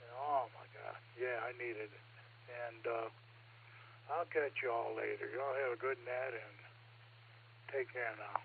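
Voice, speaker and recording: A man's voice: medium pitch, steady tone, unhurried, gravelly, long pauses. A man who is unwell with a cough, giving a folksy, casual check-in on an amateur radio net. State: sick with a cough. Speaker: ham radio net participant. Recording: phone-like radio signal with faint hum.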